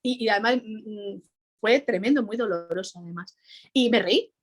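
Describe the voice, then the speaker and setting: A woman speaks as an interview guest, telling a personal story in a conversational way. Her manner is cheerful, and she laughs often as she talks. Her voice sits at an ordinary middle pitch. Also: normal speed.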